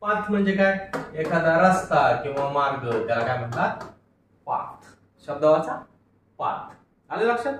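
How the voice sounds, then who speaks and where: A man teaches a phonics lesson in a fairly high voice. He sounds out each word patiently and has pupils read it back after him. He is recorded from a distance in a very echoey classroom with a faint hiss. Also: expressive, normal speed, a bit bright. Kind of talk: phonics lecture. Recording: echoey room from far off, faint noise.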